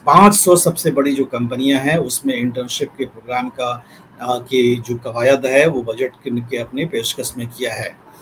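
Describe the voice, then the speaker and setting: A man in his forties, an editor, explaining policy on a video call from a book-lined study, measured and often pausing with fillers. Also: medium pitch, steady tone, a little hiss or hum, low-quality recording. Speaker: newspaper editor, analyst. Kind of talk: news analysis commentary. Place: home study with bookshelves. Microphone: webcam, video call.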